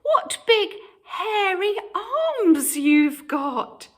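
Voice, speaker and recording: A woman's voice: very high voice, big pitch swings, extremely slow, a bit bright, pitched above the performer's own voice, exaggerated voice. A woman voicing an innocent, cheerful little girl from a storybook in an exclaiming, sing-song way. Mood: puzzled, wary. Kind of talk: storybook character voice.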